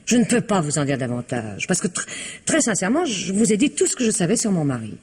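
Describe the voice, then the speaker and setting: In 1960s French radio drama, an actress plays the reticent, proud wife of a man who has vanished, guarded and emotional as she is questioned and sometimes falling to a hush. Her voice is fairly low, slightly rough and quick, with big swings in pitch.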